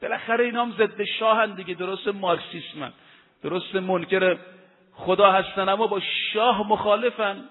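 A man delivers a sermon in a high voice, pressing his points and drawing out Arabic quotations in a slow chant. The recording is thin and phone-like, with a long reverb trailing behind him as in a large hall. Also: fairly even intonation. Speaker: preacher. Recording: tinny lo-fi recording in an echoey hall.

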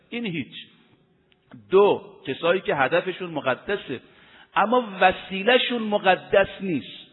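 A man preaching a sermon with emphasis, slowly chanting Arabic quotations. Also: high voice, breathy edge. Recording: tinny lo-fi recording in an echoey hall.

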